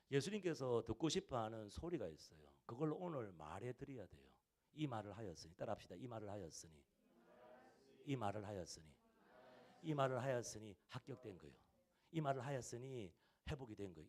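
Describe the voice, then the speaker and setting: A man in the pulpit delivering a sermon, his voice sitting at an ordinary middle pitch. He leans on repeated phrases, pushing some lines loud and letting others drop to a near hush. The delivery is earnest and insistent. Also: expressive, brisk. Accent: Korean. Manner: repetitive, emphatic preaching with rising and falling volume. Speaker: pastor. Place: church service hall.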